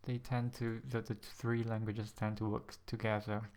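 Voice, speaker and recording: A young Singaporean man with a Singaporean-influenced English accent talks to camera in a casual vlog for his ASMR channel, using a USB desk microphone. He's hesitant and a little nervous, with many ums, and pronounces words carefully and deliberately. His voice is fairly low and a little mellow, with little pitch movement.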